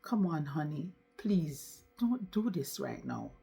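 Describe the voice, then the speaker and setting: A soft-spoken young wife who coaxes and pleads gently, as a woman storyteller puts her on. Her husky voice stays low and slow. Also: expressive, soft background music, heavily acted. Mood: pleading. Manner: soft and coaxing.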